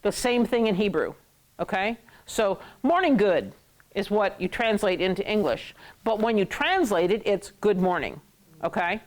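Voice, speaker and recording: A woman's voice: medium pitch, lively intonation, moderate pace. A woman teaching a class who jokes with her students, laughs often and repeats words to drill them. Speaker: Hebrew teacher. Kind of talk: classroom lesson.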